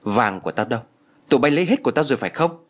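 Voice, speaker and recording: A man's voice: medium pitch, lively intonation, racing, close to an everyday voice. A man playing a greedy, cunning older woman who screeches accusations in a storybook reading. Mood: furious shrieking. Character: greedy shrewish older woman, shrill, furious.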